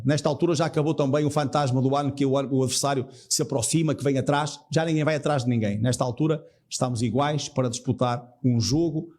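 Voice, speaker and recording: A man with a European Portuguese accent, a football coach explaining his team in a measured way, as at a press conference. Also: medium pitch, a little mellow.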